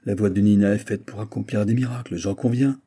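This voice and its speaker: A man's voice: on the low side, fairly even intonation, a little fast, warm tone, lightly acted. A man reading aloud voices a jealous young baroness speaking with restrained fury. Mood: angry.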